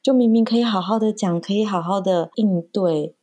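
A woman's voice: medium pitch, moderate pace, dark tone. A woman from Taiwan chats as a podcast guest, with a mid-range voice. She tells her story with life, acting out the lines of a crying child and her own inner voice. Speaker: guest mother. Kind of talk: casual podcast chat.

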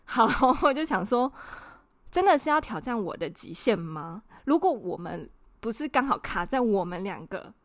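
A woman, co-hosting a podcast and telling a story in an indignant, animated way, acting out the people she quotes. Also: mid-range voice, moderate pace, dry recording, clean studio sound. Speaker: podcast co-host. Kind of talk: casual storytelling chat.

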